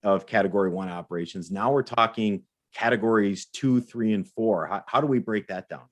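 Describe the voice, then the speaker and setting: A man with a fairly low voice co-hosts a live Q&A and walks viewers through the rules. He explains things methodically and often stumbles over a repeated word before getting his point out. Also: brisk. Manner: explanatory, repeats words when restarting. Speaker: co-host.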